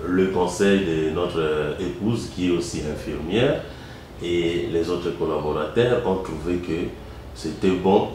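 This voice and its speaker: A very deep-voiced man with a Congolese French accent speaks as the founder of a medical centre. He talks in a measured way and often pauses on fillers. The recording is very echoey, with a faint hiss behind him. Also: a little mellow. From Kongo Central, DR Congo. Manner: measured, hesitant with frequent "euh" fillers. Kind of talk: interview answers. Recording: very echoey room.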